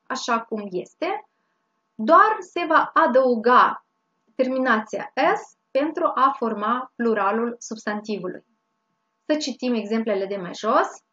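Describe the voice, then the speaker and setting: A woman from Romania teaching English grammar, explaining each rule slowly and repeating it with small hesitations. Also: high-pitched, fairly bright tone. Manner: slow, explains each rule twice with fillers. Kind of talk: bilingual grammar lesson. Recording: dull lo-fi sound.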